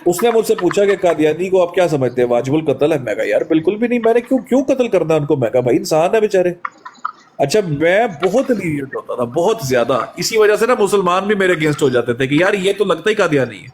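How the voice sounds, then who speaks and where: A man, chatting in an interview and telling animated stories, often acting out the quoted exchanges. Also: fairly high pitch, brisk, a little hiss or hum. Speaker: guest. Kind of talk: casual conversational interview.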